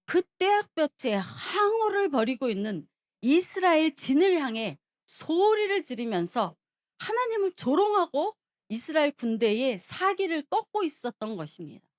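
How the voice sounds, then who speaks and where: A woman preacher giving a sermon, retelling a story with animated storytelling and asking the congregation questions. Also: sits high, normal speed.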